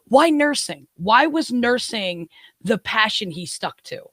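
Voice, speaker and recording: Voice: medium pitch, animated, slow pace, bright, forceful tone, no echo, clean studio sound. An interviewer giving brief affirmations and asking thoughtful follow-up questions in a casual interview. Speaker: interviewer, host.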